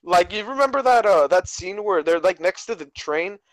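A man's voice: sits high, lively intonation, normal speed, no echo, rough recording. A young man chatting casually on a podcast as co-host, telling stories in slangy frat-bro talk full of bro and dude. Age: young adult. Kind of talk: casual chat, telling a personal story.

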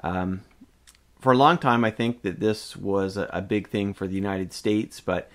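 A man hosting his own channel, giving a reflective personal monologue with many pauses, fillers and restarts. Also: fairly low pitch, fairly even intonation, fairly bright tone. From Canada. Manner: hesitant, frequent uh fillers and restarts.

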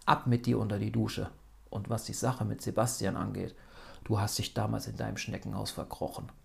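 A man reading the part of a pushy but caring young friend who speaks firmly, with a low gravelly voice. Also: level tone, fairly quick. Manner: insistent, firm.

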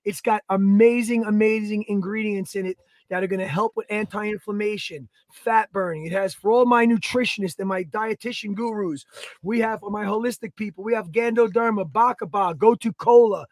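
A man, co-hosting a podcast in energetic, rambling casual chat. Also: sits high, normal speed, no echo, clean studio sound. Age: 30s. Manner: energetic, rambling, plugs products. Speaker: podcast co-host.

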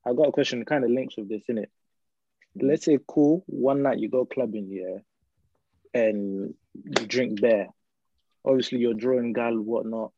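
A man's voice: mid-range voice, moderate pace, mellow, no echo, lo-fi sound. A young man with a London roadman accent, casually putting questions to his friends in slang. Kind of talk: casual group banter.

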